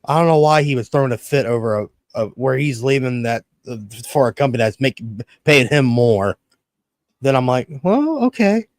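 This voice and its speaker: This podcast host, a man in his early thirties, speaks in a mid-range voice at a moderate pace with no room sound. His casual chat mixes rants and foul-mouthed, animated stories in which he quotes his reactions.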